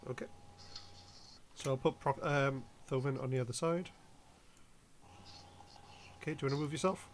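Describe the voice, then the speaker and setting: A man running a tabletop game as game master, hesitant, with many pauses and restarts. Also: medium pitch, steady tone, slight background noise. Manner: hesitant, lots of ums and restarts.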